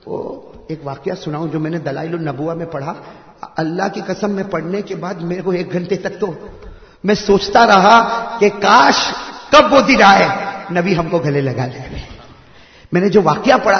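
A man preaching an emotional sermon, shifting between long shouted cries and quiet narration, calling on his listeners to answer. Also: lo-fi sound. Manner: swings between shouted, drawn-out cries and low murmured narration; addresses the crowd directly, urging replies. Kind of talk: emotional Islamic sermon storytelling. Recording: echoey hall with long reverb.

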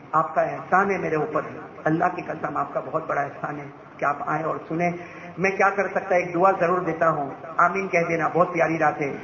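A man's voice: on the high side, gravelly, a bit bright, slight background noise. A man preaching a Ramadan night sermon in a mosque, leading the crowd in call-and-response and joking with them as he goes. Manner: jovial, banters with the crowd, tells joking anecdotes. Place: mosque gathering. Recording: echoey, dull mosque PA with crowd ambience.

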